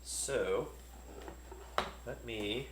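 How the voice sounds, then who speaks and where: A man casually talking through a board game unboxing, relaxed and thinking aloud with many fillers. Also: medium pitch, very slow, echoey room, background noise.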